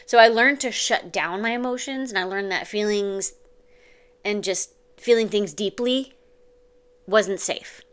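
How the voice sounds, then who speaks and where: A woman's voice: mid-range voice, unhurried, fairly bright tone, smooth. Earnest woman parenting coach talking to camera. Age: adult mother. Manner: earnest, confiding, uses "like" and "okay?". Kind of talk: direct-to-camera advice talk.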